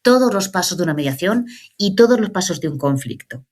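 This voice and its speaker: Woman, 40s, psychologist guest, chatty, lively, checks in often. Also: on the low side, a little fast. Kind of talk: casual podcast interview.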